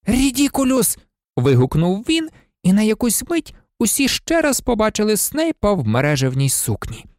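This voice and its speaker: A reader narrating a storybook expressively, with pitch shifting for drama. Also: wildly swooping pitch, normal speed, darkish tone, no room sound, studio quality. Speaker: audiobook reader.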